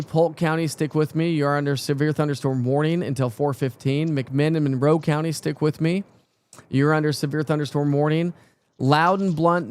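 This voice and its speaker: A man presenting live severe weather coverage off the cuff, talking informally and directly to viewers. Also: a little high.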